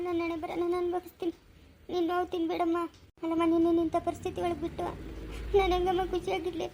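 A woman with a Chikkaballapura Kannada accent playing a young daughter who softly pleads with her jailed mother. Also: extremely high pitch, slight background noise. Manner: soft, pleading, tearful.

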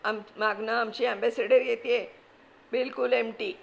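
A woman voicing a brisk young man who gives quick, reassuring orders and mixes in English words, read from a storybook. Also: fairly high pitch, steady tone, vocal fry, lo-fi sound. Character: brisk young man rescuing people by car. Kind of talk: storybook reading.

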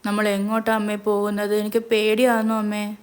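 A woman's voice: medium pitch, monotone, a little fast, smooth, close to an everyday voice. A woman voicing a frightened, stubborn little girl in a spoken serial recap. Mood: scared.

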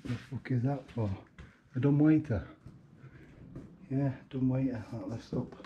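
A man with a Yorkshire accent chatting excitedly while exploring a derelict factory, recorded on a body-worn camera. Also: mid-range voice, a little slow, lo-fi sound, slight background noise. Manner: excited, swears casually. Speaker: urban explorer. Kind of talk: casual chat while exploring. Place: indoors, derelict factory buildings.

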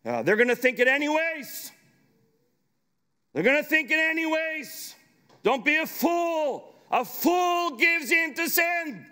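A middle-aged man preaching a sermon from a podium microphone on a large conference stage, urgent and emphatic, at times shouting. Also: very high voice, expressive, slow pace.

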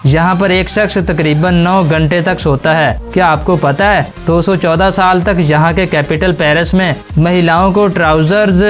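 High-voiced man narrating over music. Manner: brisk, addresses viewers as friends. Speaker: facts channel narrator. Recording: faint music under voice-over. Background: background music.

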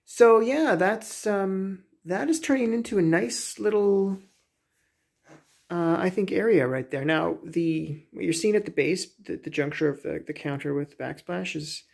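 Man, 30s, casual home-tour vlogger, gravelly, slightly husky voice, halting delivery full of ums, phone-recorded in a kitchen. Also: high voice. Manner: rambling, hesitant, many fillers and restarts. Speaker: homeowner vlogger. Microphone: phone camera, handheld selfie then walking.

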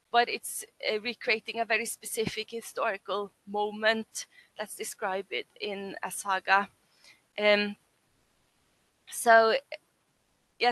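A woman academic giving a recorded online lecture over a video call, thoughtful and pausing often with ums and restarts. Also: medium pitch, sharp tone, dry recording, poor audio.

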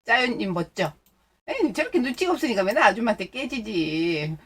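A woman's voice: a little high, sing-song, measured pace, fairly bright tone, slightly rough. A middle-aged woman hosting a stock-trading livestream, chatting casually and teasing viewers as they send donations.

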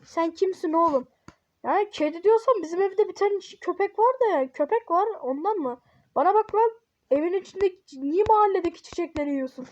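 A woman giving casual gaming commentary, blunt and teasing, swearing freely and scolding the game's child. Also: high-pitched. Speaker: game streamer.

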